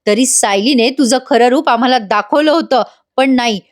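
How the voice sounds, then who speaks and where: A woman's voice: fairly high pitch, moderate pace, lightly acted. A woman reading an accusing wounded mother. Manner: cold, accusing.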